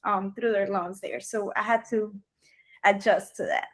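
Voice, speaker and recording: Interviewing for a job over video, a young Colombian woman whose native tongue is Spanish takes her time, her mid-range voice keeping a fairly even intonation. She hesitates often, saying um and starting sentences over.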